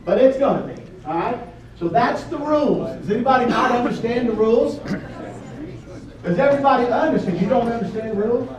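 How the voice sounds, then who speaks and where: His voice is very high, expressive and fairly quick: a man presenting a workshop in a folksy, joking style, casually explaining a challenge to the group and repeating what he asks. Crowd noise fills the large echoey indoor room, and he's picked up from a distance.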